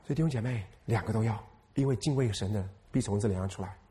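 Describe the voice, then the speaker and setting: A man's voice: fairly low pitch, quick pace, warm tone. A man, a pastor giving a sermon who stresses points by repeating phrases and asks the congregation questions. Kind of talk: lively sermon.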